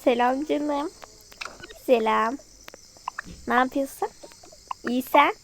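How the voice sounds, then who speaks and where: A woman's voice: high voice, takes it slowly, a little hiss or hum. A woman narrating a toy role-play, voicing several characters in playful dialogue. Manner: switches between character voices in playful dialogue.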